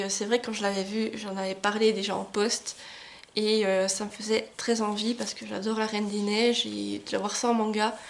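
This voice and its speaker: A young woman vlogging about her book gifts in a chatty, enthusiastic way, often pausing on "euh" and laughing a little, recorded at home on a camcorder microphone. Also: medium pitch, creaky. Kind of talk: casual book haul chat to camera.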